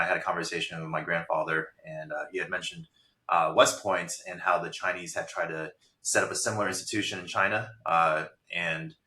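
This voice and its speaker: A man from Taiwan answering interview questions in a very low voice with a bright, forceful edge. He explains things in a measured way, with plenty of "um" and "uh", and the room around him echoes noticeably. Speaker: guest, startup founder.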